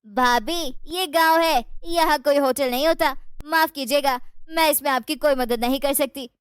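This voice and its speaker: A woman doing a sly, calm young sister-in-law. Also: high voice, moderate pace, no room sound, lightly acted. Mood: teasing. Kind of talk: cartoon storybook voice acting.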